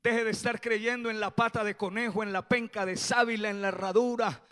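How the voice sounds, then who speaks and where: A man preaching a fervent sermon as a pastor, building from quiet storytelling to shouted proclamations. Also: high-pitched, fairly even intonation, brisk, clean tone.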